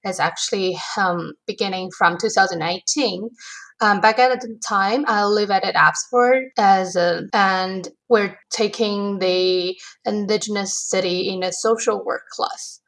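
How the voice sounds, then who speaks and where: Young woman from China with halting speech. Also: medium pitch, a bit bright, poor audio. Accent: Chinese. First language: Mandarin Chinese. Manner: halting, with frequent restarts and self-corrections. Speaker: graduate student podcaster. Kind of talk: personal storytelling.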